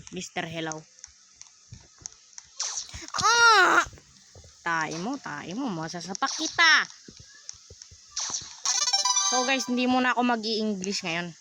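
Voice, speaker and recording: A woman streaming a game in Filipino, chatting casually, teasing opponents and breaking into sudden outbursts. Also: medium pitch. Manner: teasing, playful trash talk with sudden outbursts. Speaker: gamer streamer. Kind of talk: casual gameplay commentary. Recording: loud background noise.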